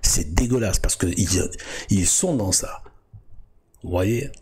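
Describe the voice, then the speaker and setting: A man with a low voice and a husky edge talks in a loose, unscripted monologue. He circles back on his words, fills gaps, and restarts half-finished sentences as he walks his viewers through a web page. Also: lively intonation, darkish tone. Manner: halting, full of restarts and fillers. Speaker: video host. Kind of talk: casual explanatory monologue.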